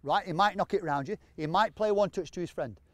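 A man coaching players on an outdoor training pitch, encouraging them and repeating short commands. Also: fairly quick, no echo. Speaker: football coach. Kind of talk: on-field coaching instruction.

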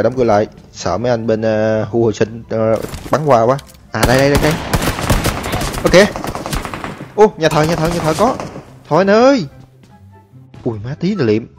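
A man giving excitable, chatty commentary over his own gameplay, talking to viewers and taunting enemies. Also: medium pitch. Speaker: gaming streamer. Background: game music and gunfire.

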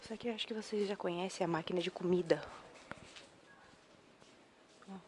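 A woman's voice: on the low side, steady tone, brisk, a little mellow. A woman with a Brazilian Portuguese accent, vlogging from a hospital room, chatting to viewers and to her child. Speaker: vlogger and mother. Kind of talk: casual vlog chat. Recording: noisy phone recording.

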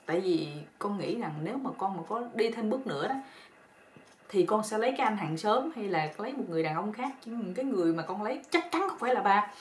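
A woman's voice: mid-range voice, lively intonation, fast talker, natural voice. A woman voicing a timid, grieving young daughter-in-law who pleads tearfully. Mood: pleading. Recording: roomy echo with faint noise.

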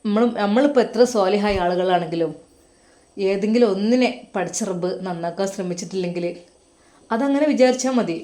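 A woman puts on a devout young husband who comforts grieving elders, gentle and respectful in a Malappuram Malayalam accent. He speaks at an ordinary middle pitch, steady and reassuring, in a storybook tale. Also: a little fast, natural voice. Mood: consoling.

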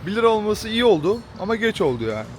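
A man's voice: high voice, big pitch swings, fast talker, roomy sound, a crowd in the background. A young man vlogging casually at home, joking around and scolding his cat in slangy talk. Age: young adult. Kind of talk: casual vlog chat. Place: small home indoors.

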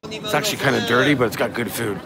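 Talking fast in a mid-range voice with vocal fry, a man live-streams as a travel vlogger and guide, tossing out rambling walking-tour remarks as he moves along. Crowd chatter and vehicles pass by on the busy outdoor market street.

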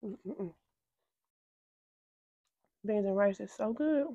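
Woman host of an eating show, husky voice, mid-range pitch, speaking while chewing. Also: very slow, no echo, dull audio. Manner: relaxed, talks to viewers between bites. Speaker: mukbang host. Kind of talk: casual eating-show chat.

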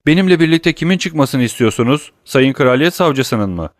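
A grief-stricken young lover hurls his accusations with rising, urgent force, as a male audiobook narrator puts him on. His voice sits higher and louder than the narration, pressing every phrase in a dry, close recording. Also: animated, normal speed, dry recording, close to an everyday voice. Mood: pleading. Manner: impassioned, declaiming accusations.

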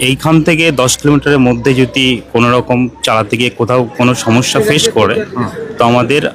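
A man's voice: medium pitch, fast talker, fairly bright tone. A man explaining a product in an interview as a sales representative, mixing in English business terms. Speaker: company sales and marketing representative. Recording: crowd chatter around speaker.

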